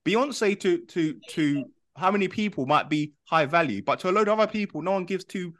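A man's voice: high voice, lively intonation, a little fast, a bit bright. A man with a London accent hosting a casual, heated debate, slangy and insistent, often repeating his phrases. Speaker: host.

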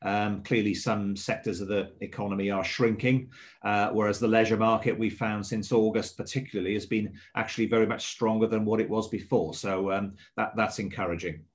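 A middle-aged man from Swansea with a mild South Welsh accent, giving measured, explanatory answers as a hotel manager being interviewed. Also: lowish voice, fairly even intonation. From Swansea, South Wales.

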